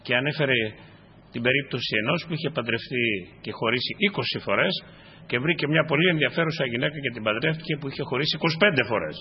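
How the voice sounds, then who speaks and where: A man preaching a sermon to his congregation, dropping to quiet asides and then rising into sudden emphatic bursts. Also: medium pitch, a little hiss or hum. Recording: dull lo-fi recording.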